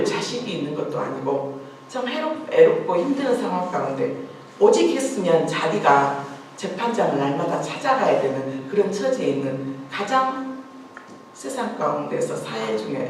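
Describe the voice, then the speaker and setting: A woman pastor delivers a sermon in a church, retelling a story with earnest emphasis and repeated rhetorical questions. Her voice sits in a heavily reverberant hall and is picked up from some distance, with a faint hiss in the background. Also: fairly low pitch. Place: church sanctuary.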